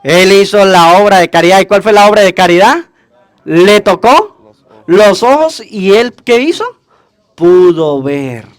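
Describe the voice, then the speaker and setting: A man's voice: high-pitched, no echo, studio quality. A man, a priest, preaching a homily at Mass, asking the congregation questions and answering them himself. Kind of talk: call-and-response homily at Mass.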